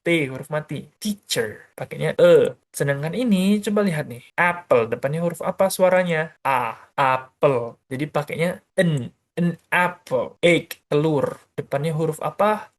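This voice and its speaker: A male teacher giving a beginner grammar lesson, explaining step by step in a casual, chatty way and asking questions he answers himself. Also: fairly high pitch. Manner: casual and chatty, uses many fillers. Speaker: English teacher.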